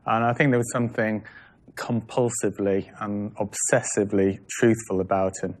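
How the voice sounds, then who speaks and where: A man's voice: on the low side, steady tone, normal speed. A man interviewed, speaking thoughtfully about someone he interviewed. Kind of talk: interview commentary.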